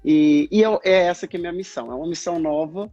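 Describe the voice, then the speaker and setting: Husky Brazilian man explaining earnestly. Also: fairly high pitch, quick pace, mellow, no room sound, muffled recording, faint music behind. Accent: Brazilian Portuguese. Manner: earnest, explanatory, acts out past dialogues. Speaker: speech therapist guest. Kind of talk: livestream interview talk.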